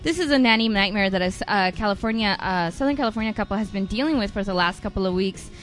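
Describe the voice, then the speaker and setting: A woman's voice: medium pitch, quick pace, a bit bright, faint music behind, low-quality recording. A female talk show co-host presenting and explaining news stories in a conversational way.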